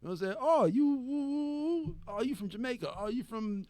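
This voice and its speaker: A man co-hosting a podcast in casual chat, animated and laughing often as he acts out quoted voices. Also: extremely high pitch, a little fast, no echo. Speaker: podcast co-host.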